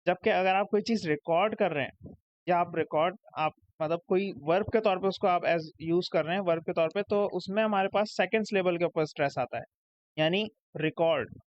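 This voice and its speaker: A man's voice: high voice, fairly quick, dry recording. A young man with a Pakistani Urdu accent, teaching a recorded English lesson over slides. He explains step by step and checks "ठीक है?" after each point. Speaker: English tutor. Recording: dry, dull lo-fi sound.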